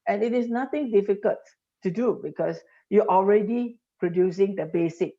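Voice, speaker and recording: A podcast interview in dull lo-fi sound features an industry guest, a woman from Singapore, with a mid-range voice at normal speed. She explains her ideas by accumulating examples, frequently restarting as she goes.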